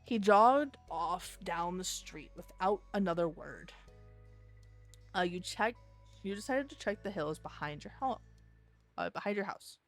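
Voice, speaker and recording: Woman streamer, reading a visual novel aloud, chatty asides, slow pace, lowish voice, faint game music. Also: animated. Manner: chatty, thinks aloud with fillers.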